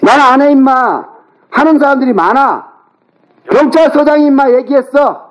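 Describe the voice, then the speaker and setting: A man with a very high, strained-sounding voice tears into someone during a phone argument. He shouts, berates and throws insults without letting up, his tone harsh and relentless. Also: moderate pace, low-quality recording.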